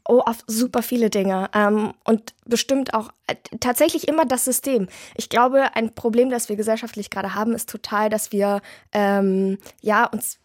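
A woman's voice: fairly high pitch, steady tone, moderate pace, few pauses, no room sound, clean studio sound. A woman author answering interview questions in a candid, chatty way with many fillers and restarts.

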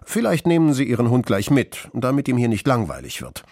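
A man voicing a kind, polite female teacher who speaks formally and patiently, with a husky voice. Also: medium pitch, huge pitch swings, fairly quick, darkish tone, no echo, clean studio sound, voice pushed up. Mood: friendly.

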